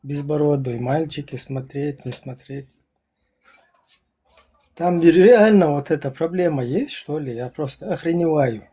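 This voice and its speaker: A man's voice: on the high side, a little slow, mellow, slightly rough. A man chatting casually on a live stream. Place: says he is in Dagestan.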